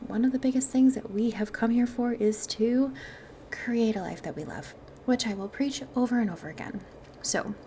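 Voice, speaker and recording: A woman podcast host speaks with a Wisconsin accent at an ordinary female pitch, her voice edged with creaky fry. She talks to her audience in an earnest, chatty, playful self-help style. There is faint noise in the background of the recording. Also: darkish tone. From Wisconsin, United States.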